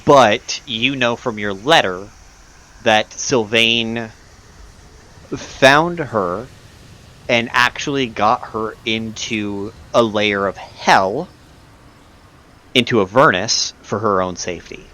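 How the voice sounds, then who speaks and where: A man running a tabletop game as game master, improvising narration and pausing to search for words. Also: fairly low pitch, bright, forceful tone, poor audio. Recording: clear background noise.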